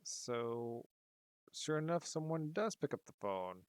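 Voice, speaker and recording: A man's voice: medium pitch, animated, a little slow, no room sound. A man narrating a tabletop game as game master, easygoing with many fillers.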